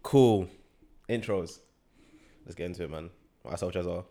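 A man's voice: deep voice, normal speed, gravelly, over music. A young man with an urban London roadman accent, co-hosting a podcast in casual, slang-filled banter. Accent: London, urban slang-heavy roadman. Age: young adult. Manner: slangy, repeats short agreements. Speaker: podcast co-host.

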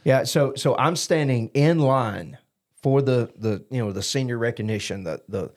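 A man, co-hosting a casual chat and adding quick jokes and short agreeing replies. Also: medium pitch. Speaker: co-host.

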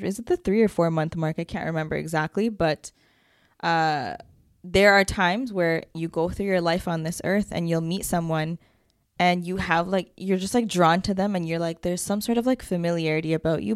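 A woman's voice: on the low side, normal speed, no echo, clean studio sound. A young woman co-hosting a casual podcast, rambling with lots of fillers and frequent giggles. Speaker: podcast co-host. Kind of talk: casual chat.

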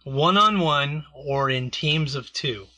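Sarcastic man with a bright voice. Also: fairly high pitch, slow pace. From grew up in a Mexican community. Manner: joking, sarcastic. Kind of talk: casual chat.

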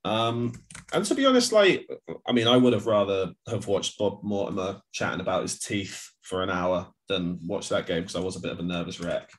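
A man's voice: sits low, lively intonation, normal speed. A man co-hosting a podcast, chatting casually about football, rambling with lots of restarts and fillers. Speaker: podcast co-host.

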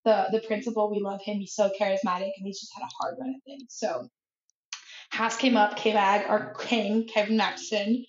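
A playful woman co-host who talks in a loose, chatty way, with a middle-pitched voice. Her mic picks up a fair bit of room echo, and the sound is a little dull and lo-fi. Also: steady tone, moderate pace. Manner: playful, laughs often, says "like" a lot. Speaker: podcast co-host. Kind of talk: casual chat.

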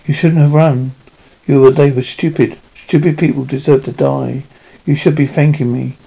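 A man playing a surly, self-serving German lieutenant held as a prisoner of war, defensive and halting. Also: medium pitch, steady tone, creaky, warm tone, breathy edge, muffled recording. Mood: cold, defensive.

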